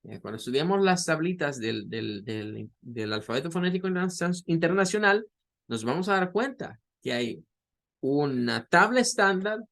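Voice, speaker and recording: Male teacher, higher voice, patient, repeats himself, slow drawn-out examples. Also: big pitch swings, gravelly, a bit bright. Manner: explains slowly, models English words in drawn-out demonstrations; patient, repeats words and restarts phrases often. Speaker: English teacher. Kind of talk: recorded online lesson.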